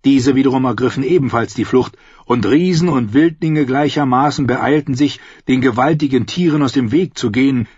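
A man reading a fantasy audiobook aloud, steady storytelling that bursts into loudly shouted battle commands. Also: mid-range voice, husky, no room sound, muffled recording. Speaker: audiobook narrator.

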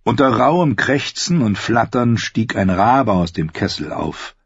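Low husky male storyteller. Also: a little slow, dry recording, muffled recording. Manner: steady storytelling. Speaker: audiobook narrator. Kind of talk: scripted fantasy narration.

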